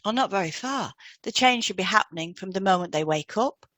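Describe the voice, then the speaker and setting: A podcast co-host who is also a hypnotherapy trainer reads scripted educational dialogue aloud, explaining in an instructive way. Her mid-range voice is expressive and fairly bright, a little fast, and the recording is dry with clean studio sound.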